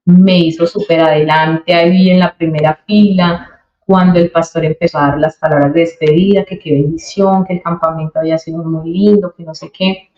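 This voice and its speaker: A young woman giving a personal faith testimony as an interview guest, telling her story in a lively way and acting out what others said. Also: on the low side, normal speed, echoey room, muffled recording. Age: young adult. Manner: animated storyteller who acts out quoted dialogue.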